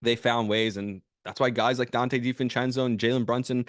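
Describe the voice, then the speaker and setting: A man hosting a sports podcast, delivering an opinionated, emphatic monologue in a casual way that builds into loud bursts. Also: mid-range voice, steady tone, a little fast, dry recording, studio quality. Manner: casual with fillers and restarts.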